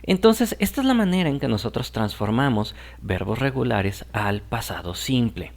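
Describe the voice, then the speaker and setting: A man's voice: medium pitch, sing-song, normal speed, creaky. A man whose first language is Spanish, teaching English grammar in a patient explaining style and often checking that the listener follows.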